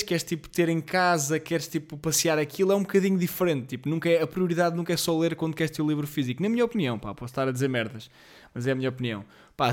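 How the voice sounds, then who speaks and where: A young man in his twenties speaks with a European Portuguese accent, his voice sitting a little high for a man. He rambles in a loose, slangy solo podcast monologue. He leans on fillers and teases himself as he goes. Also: darkish tone. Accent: European Portuguese, Lisbon slang. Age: 20s. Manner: rambling, slangy, self-deprecating, many fillers; apologetic about being jittery and off rhythm. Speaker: podcast host.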